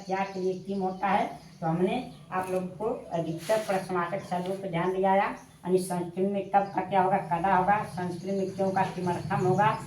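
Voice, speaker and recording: A woman teaching a language lesson, dictating slowly and repeating each word for her students. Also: fairly low pitch, darkish tone, roomy sound, slight background noise. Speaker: Sanskrit teacher. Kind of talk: classroom-style lesson.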